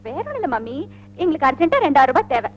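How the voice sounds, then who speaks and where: An actress playing a spirited young daughter with a wheedling, cheeky manner, in 1980s film dialogue. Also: female voice, high-pitched, sing-song, racing.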